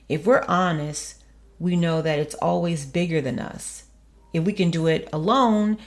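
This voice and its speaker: Low gravelly woman, earnest faith podcaster. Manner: earnest, measured, preacherly. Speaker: podcast host. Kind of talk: reflective faith podcast monologue.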